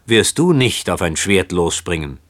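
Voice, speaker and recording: A man's voice: low voice, sing-song, unhurried, a bit bright, exaggerated voice. A man reading aloud voices a bold, proud young woman who speaks firmly and mockingly. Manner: firm, mocking.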